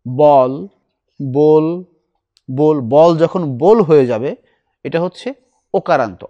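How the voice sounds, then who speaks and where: A middle-aged man teaching a recitation class, explaining slowly and asking his students questions. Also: a little high, highs cut off.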